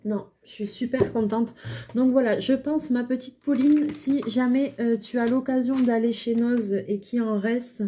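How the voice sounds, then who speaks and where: French girl slowly chatting thru a pen review, mellow voice, lots of euhs. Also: a little high, a little hiss or hum. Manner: hesitant, many fillers, chatty and relaxed. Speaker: craft vlogger reviewing pens. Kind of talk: casual product review.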